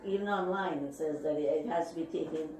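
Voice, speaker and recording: A woman's voice: sits low, brisk, darkish tone. A middle-aged woman, a patient's mother, explaining firmly in a heated discussion, secretly recorded on a hidden wire. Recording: hidden-wire recording, echoey, faint noise.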